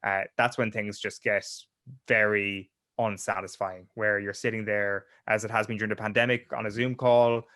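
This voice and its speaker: A man's voice: lowish voice, little pitch movement, normal speed, fairly bright tone, no room sound. Chatty man, dry close sound. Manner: chatty, many restarts and fillers. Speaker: sports journalist guest. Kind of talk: casual podcast interview.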